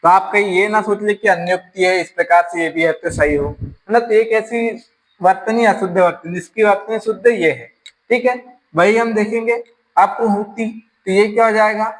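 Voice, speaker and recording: A man with a fairly high voice and a Rajasthani accent, teaching an exam-prep grammar lesson. He works through each item step by step, putting a question to the class and then answering it himself. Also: moderate pace, low-quality recording. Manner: explains step by step, asks and answers his own questions.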